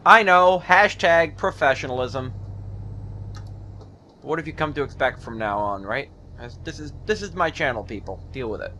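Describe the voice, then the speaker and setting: A man's voice: medium pitch, lively intonation, normal speed, bright, forceful tone, slight background noise. A man casually commentating his own gameplay in a jokey, punning, chatty way. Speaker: gaming video host. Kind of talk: casual let's play commentary.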